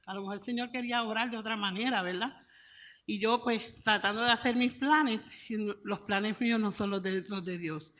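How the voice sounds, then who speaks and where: A woman's voice: on the high side, fairly bright tone. A woman missionary giving an earnest testimony in a church service, telling stories and acting out what others said. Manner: earnest storytelling, acts out quoted voices. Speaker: missionary speaker.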